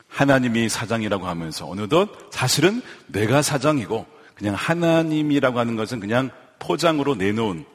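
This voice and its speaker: A man's voice: mid-range voice, breathy edge. A man in his forties preaching a sermon as pastor, emphatic, repeating key lines and asking the congregation questions. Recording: long hall reverb.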